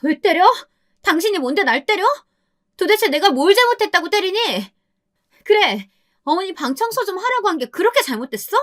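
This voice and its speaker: A woman's voice: high voice, expressive, moderate pace, pitched above the performer's own voice. A woman voicing a cruel young wife who screeches scornful nagging at her mother-in-law in a storybook radio drama. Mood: furious.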